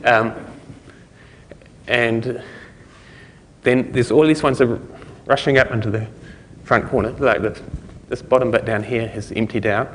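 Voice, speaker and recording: A man's voice: mid-range voice, steady tone, a little slow, in a large hall. A man giving a conversational conference talk, explaining things step by step. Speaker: conference speaker.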